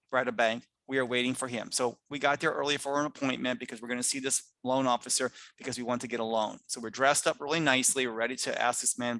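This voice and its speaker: A middle-aged man giving a recorded grammar lecture, emphatic and lively, with frequent asides and self-corrections. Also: mid-range voice, dry recording. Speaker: grammar teacher presenting a lecture.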